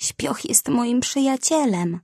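A woman voicing a brave, eager young female rhinoceros who talks high and flustered. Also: lively intonation, takes it slowly, gravelly, a little mellow, no echo, studio quality, exaggerated voice. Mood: doubtful.

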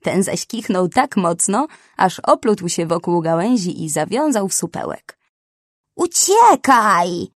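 A woman narrating a children's storybook in an expressive, unhurried way. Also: lowish voice, slightly rough, no echo, clean studio sound.

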